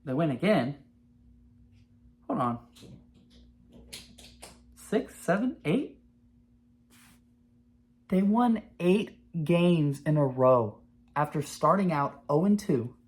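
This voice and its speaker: A man in his twenties hosting a podcast, talking in a rambling, profane, excitable way in casual sports chat. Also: on the high side, slow, pauses often. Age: 20s. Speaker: podcast host.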